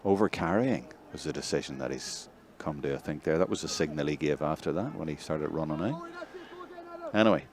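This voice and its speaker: Deep-voiced Northern Irish match commentator. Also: male voice, brisk, a little hiss or hum. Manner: conversational, excitable on big plays. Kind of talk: live sports commentary.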